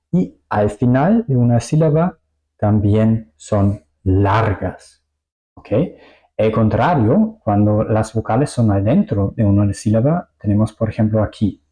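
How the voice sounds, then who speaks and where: A German man speaks Spanish as a second language, with a few small slips, in a slow, deliberate teaching voice. His voice sits low and mellow, and he repeats each example word with care. He keeps pausing to check "ok?" with his learners. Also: rough recording. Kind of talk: language lesson explanation.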